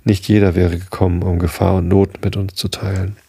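A man's voice: low-pitched, flat delivery, brisk, gravelly, warm tone, breathy edge, no room sound, clean studio sound, exaggerated voice. A man voicing a worried, frightened aging farmer and father in a storybook reading, speaking anxiously. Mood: grateful. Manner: anxious, breathless.

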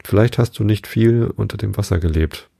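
A man voicing a sad, sobbing mock turtle from a storybook, read slowly and mournfully. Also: fairly low pitch, gravelly, warm tone, slightly rough, no room sound, studio quality.

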